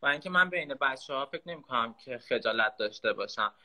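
A man's voice: medium pitch, expressive, heavy background noise. A man in his twenties from Iran, a guest on a video call, talkative and playful. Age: 20s. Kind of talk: casual live-stream chat.

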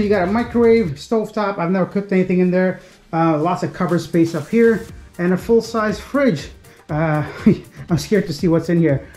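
A man's voice: high voice, a little mellow. A man in his thirties talking casually to a handheld camera while touring an apartment. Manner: chatty, easygoing, talks straight to the camera. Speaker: vlogger. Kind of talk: casual travel vlog. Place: apartment indoors and city streets.

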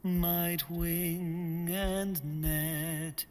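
A slow, low lullaby. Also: female voice, flat delivery, darkish tone, soft background music. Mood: tender.

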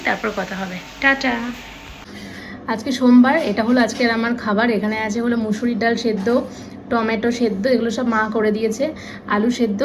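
A young Bengali woman with a Kolkata accent talks her viewers through her day in a relaxed home vlog. Her voice sits high and bright, and she explains each step in a chatty, easy way. A faint hiss of room ambience stays underneath. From India. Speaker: vlogger and new mother.

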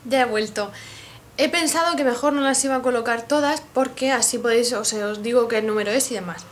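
Woman beauty vlogger, Spain Spanish accent, slightly high voice, excitable and gushing, casual haul to camera, faint background hiss. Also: fairly quick. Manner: gushing, excitable, addresses viewers directly. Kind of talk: casual makeup haul video.

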